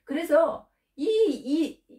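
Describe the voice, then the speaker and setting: A woman pastor delivers a sermon in a loose, conversational way, often swinging up into high, emotional bursts. Her voice moves a great deal in pitch. The sound is roomy and echoey, picked up from some distance away. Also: expressive, drawn-out words, mellow. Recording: roomy echo from far off.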